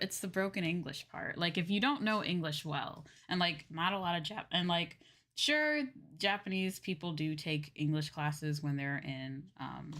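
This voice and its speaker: Gaming on stream, a woman with a lowish, slightly bright voice chats casually to her viewers, with slight background noise present. She muses aloud in a rambling way, often letting sentences trail off.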